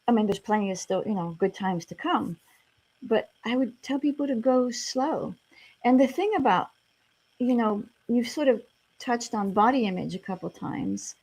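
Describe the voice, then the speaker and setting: A woman's voice: fairly high pitch, animated, moderate pace, a little mellow, husky. A middle-aged woman from France with an American accent, a therapist talking frankly and reassuringly in a casual interview, with many "you know" fillers. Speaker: sex therapist guest.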